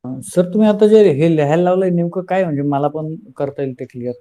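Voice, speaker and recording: Man, student, polite, deferential, very dark voice. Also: fairly high pitch, fast talker. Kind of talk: asking a question in an online class. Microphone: video call.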